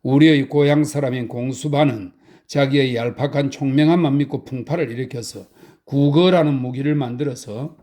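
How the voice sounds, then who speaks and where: A man's voice: medium pitch, normal speed, mellow, lightly acted. A man voicing a blunt, stern old sage. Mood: earnest. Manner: blunt, scolding. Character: stern old male sage, plain-spoken.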